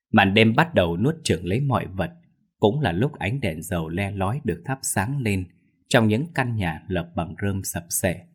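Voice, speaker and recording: Man, very low voice, ghost story narration, steady, measured. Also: slightly rough.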